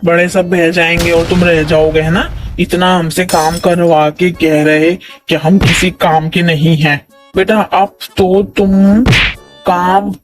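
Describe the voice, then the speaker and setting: Man doing a taunting quarrelsome cartoon man. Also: high-pitched. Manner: taunting, scolding, keeps asking "samjhe?". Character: quarrelsome bossy man scolding a coworker. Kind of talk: animated comedy dialogue. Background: background music.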